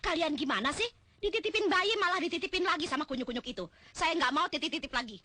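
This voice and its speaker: An actress playing a middle-aged aunt in a 1990s comedy film, slangy and scolding. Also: female voice, high-pitched, lively intonation, quick pace, sharp tone. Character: fussy scolding aunt with a baby.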